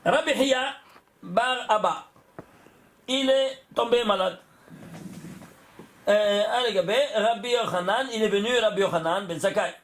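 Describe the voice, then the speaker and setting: A man's voice: high-pitched, a little slow, pauses often, slight background noise. A man, a rabbi, teaching a Torah lesson, chuckling often, restarting phrases and checking that his listeners follow. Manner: talks directly to listeners, checking they follow; chuckles often while explaining.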